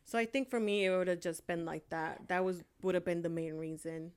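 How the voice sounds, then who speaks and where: A woman's voice: on the low side, steady tone, fairly quick, crowd noise. A young woman from Honduras in casual chat, talking hesitantly with many fillers. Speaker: co-host.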